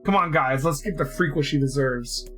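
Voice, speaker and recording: A man's voice: on the high side, moderate pace, a bit bright, soft background music, natural voice. Cruel village bully boy, sneering, jeering, storybook reading, a man voicing him.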